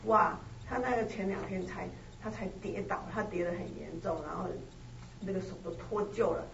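A woman student sharing a personal story in class, halting and soft-spoken. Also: mid-range voice, gravelly. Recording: roomy, distant, lo-fi with noise.

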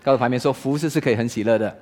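A man preaching a sermon in Mandarin, asking rhetorical questions and swinging between loud exclaiming and hushed talk. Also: mid-range voice, rapid-fire, a little hiss or hum. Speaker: pastor.

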